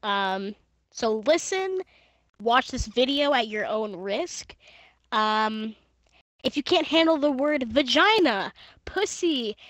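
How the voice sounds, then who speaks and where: A young woman streaming from home on a gaming headset, chatting crudely and giggling, then reading fan fiction aloud in a flat monotone. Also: fairly high pitch, slow, no echo. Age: young adult.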